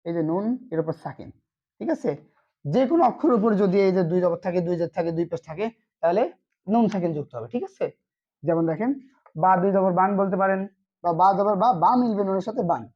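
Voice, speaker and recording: Give me a brisk online Quran teacher who keeps asking and answering his own questions. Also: medium pitch, darkish tone, muffled recording. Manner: repeats questions and answers them himself. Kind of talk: online lesson.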